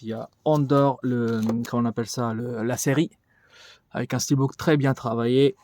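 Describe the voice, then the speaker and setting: A man's voice: medium pitch, darkish tone, a little hiss or hum. A man giving a casual vlog tour of his collection, rambling and thinking aloud with many fillers. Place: indoors in a collection room.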